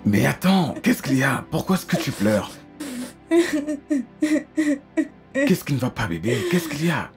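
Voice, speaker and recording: A devoted husband, dubbed by a man in a film, earnest and protective. His voice has a gravelly edge. His pitch swings widely when he protests. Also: very animated, fairly quick, soft background music. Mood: comforting. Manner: emphatic, indignant protests. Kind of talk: French film dub.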